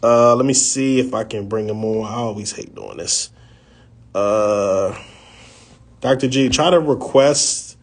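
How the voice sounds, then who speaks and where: A man's voice: lowish voice, unhurried. A man hosting an interview over a video call, casual and joking, full of fillers and repeated phrases. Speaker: host.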